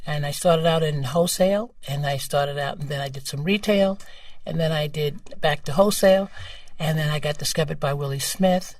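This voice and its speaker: An older woman from New York with a New York accent, telling her story as a guest in a casual interview, animated and laughing. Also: deep voice, moderate pace, no room sound, distant mic. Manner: animated, laughing, acts out quoted voices.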